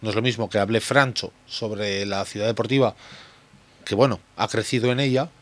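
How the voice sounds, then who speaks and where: A man's voice: on the low side, steady tone, normal speed, fairly bright tone. A man hosting a casual sports radio debate, blunt and sarcastic in his remarks.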